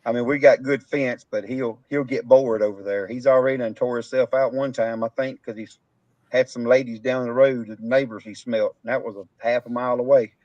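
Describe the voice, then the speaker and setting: A man's voice: mid-range voice, fairly even intonation, brisk, a little mellow, no echo. A man with a Texan accent, a cattle farmer hosting a casual live-stream chat, who rambles and laughs through his stories. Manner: rambling, laughing storyteller with rural Southern grammar. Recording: dull, dry lo-fi stream audio.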